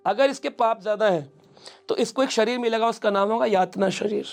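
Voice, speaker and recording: A middle-aged spiritual speaker explains scripture in an interview, telling stories and acting out quoted speech while mixing in English words. His voice is high-pitched and brisk, with vocal fry.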